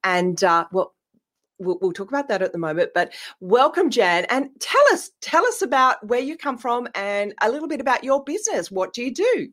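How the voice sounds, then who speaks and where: A woman hosting a casual live online interview, chatty and quick to laugh. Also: on the high side, big pitch swings. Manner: chatty, warm-hearted asides, laughs often. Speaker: interview host. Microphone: webcam on a video call.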